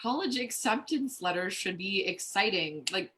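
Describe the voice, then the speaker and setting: A woman's voice: medium pitch, animated, normal speed, a bit bright, lightly acted. A young woman reading the part of a cocky, needling young woman in a live play reading. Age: young adult. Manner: bold, needling, swears freely.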